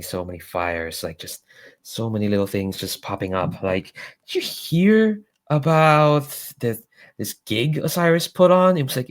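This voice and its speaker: A man's voice: mid-range voice, close to an everyday voice. A man voicing a weary, gossipy goddess of rumor in a tabletop game, with sighs and casual, hesitant phrasing. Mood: harried, gossipy. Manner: sighing, hesitant, colloquial.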